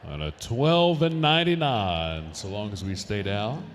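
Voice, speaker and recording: A man's voice: on the low side, unhurried, a little hiss or hum. A man announcing a rodeo live, calling the runs with rising energy and reading sponsor and event notices. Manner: energetic, swells to shouts on runs.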